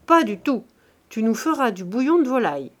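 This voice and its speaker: A woman's voice: a little high, sing-song, moderate pace. A woman reading the lines of a stingy old man who gives curt, dismissive orders. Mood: stern. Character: stingy old male miser, curt and commanding.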